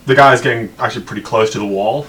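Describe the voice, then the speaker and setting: A man's voice: mid-range voice, fast, a bit bright, far from the mic, low-quality recording. Male gamer, a bit off-mic. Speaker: tabletop game player. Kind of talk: casual game table chat. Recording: faint noise, off the microphone.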